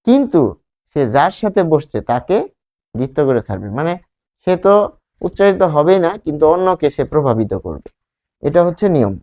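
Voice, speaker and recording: Slow, repetitive male teacher, slightly high voice. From Bangladesh. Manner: explains slowly, repeating words and asking questions. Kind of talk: grammar lesson. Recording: dull lo-fi sound.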